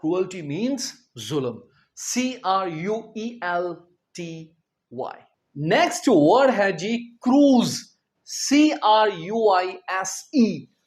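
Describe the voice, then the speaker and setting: A man's voice: high voice, darkish tone. A male teacher giving a vocabulary lesson, spelling each word letter by letter, explaining it in simple terms and putting questions to his students. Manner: addresses the students directly with questions.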